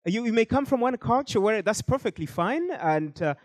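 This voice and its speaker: Man, panel host, hesitant with fillers, slightly high voice, dry close sound. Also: expressive, normal speed, no room sound. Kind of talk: hosting a panel discussion.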